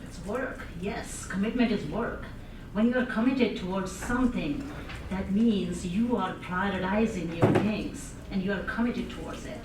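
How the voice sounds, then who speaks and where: A woman with an Indian accent gives an interactive speech as a public speaker, asking the audience questions and laughing often. Her mid-range voice moves at a measured pace. In the conference room with an audience, the recording is echoey and noisy, with her voice sounding far off.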